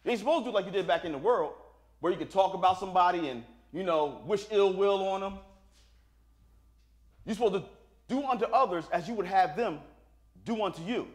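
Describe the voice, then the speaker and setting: A man with a high, animated voice preaches to his congregation in a church sanctuary, moving briskly but pausing often. He speaks plainly with informal grammar, using call-and-response by asking "right?" after his points. The recording carries the echo of the church room.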